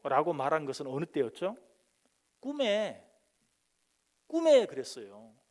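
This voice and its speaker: A middle-aged man preaching in a high, lively voice that swoops across a wide range. He builds from calm explanation into sudden loud, dramatic cries as he brings the scripture to life. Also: measured pace. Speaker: pastor. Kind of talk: sermon.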